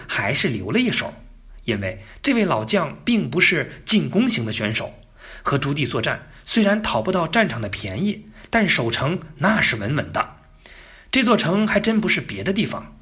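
A man's voice: fairly high pitch, bright, forceful tone. A man telling history as a casual story, colloquial and joking, with asides to the listener. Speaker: narrator.

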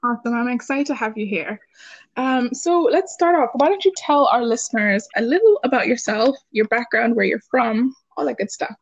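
A woman hosting a podcast, giving the intro and then interviewing her guest with warm encouragement and quick mm-hmms. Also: on the high side, highs cut off. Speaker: podcast host. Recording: faint music under the voice.

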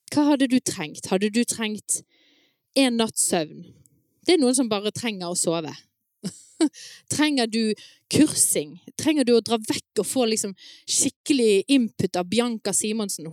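A woman speaking to parents at an evening event, telling stories in a lively, chatty way with frequent laughs. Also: on the high side, no echo, clean studio sound. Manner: many fillers and restarts, asks the audience "sant?". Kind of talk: live talk to an audience.

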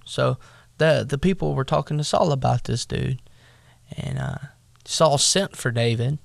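A man preaching in a relaxed, conversational way. His voice is strongly gravelly and crackly, and he takes his time, retelling scripture in plain talk. The sound is close and dry, with no room echo. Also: medium pitch. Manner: plain-spoken, slangy asides between slow scripture reading; many fillers and restarts while teaching. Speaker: minister preaching.

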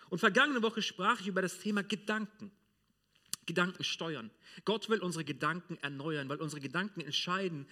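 A man from Germany preaches to his congregation with a high, clear voice. His delivery is lively and direct, and he talks to his listeners informally. The tone is bright and forward. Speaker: pastor. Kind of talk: sermon. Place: church.

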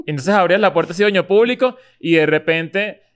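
Man, casual podcast chat, animated storyteller, somewhat high pitch. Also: fast talker. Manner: animated storytelling with acted-out shouts. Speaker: podcast co-host.

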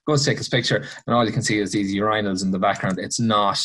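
A man's voice: on the low side, fairly even intonation, fast talker, fairly bright tone. A man with a west of Ireland accent chatting casually and giving his opinions in a colloquial, anecdotal way.

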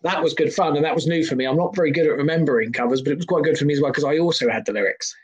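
This podcast guest, a singer and comedian in his thirties, has a somewhat high, slightly rough voice and races through his words. His casual chat is full of self-mocking jokes and rambling tangents.

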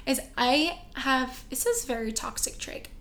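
A young woman co-hosts a podcast, chatting casually in a self-mocking way and acting out the voices of people she quotes. Her voice is high-pitched and fairly bright, with a measured pace.

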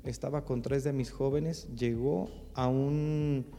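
A man with a Mexican accent tells a story as a pastor. His dark, gravelly voice takes on the other people's lines with lots of fillers. The sound rings in a long-reverb room with faint music underneath. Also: medium pitch, slow pace. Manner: animated, acts out dialogue, many fillers. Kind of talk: storytelling testimony.

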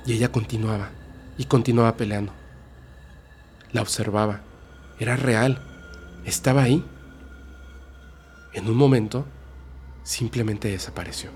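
Low hushed horror narrator. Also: male voice, fairly even intonation, slight background noise. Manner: slow, hushed dramatic delivery. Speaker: storyteller host.

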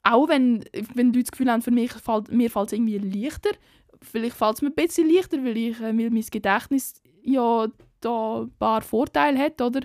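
Young woman, Swiss German accent, casual vlogger, chatty and frank, voice a bit high. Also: a little fast, darkish tone, no room sound, studio quality. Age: young adult. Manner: chatty, slangy and candid. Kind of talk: casual chat.

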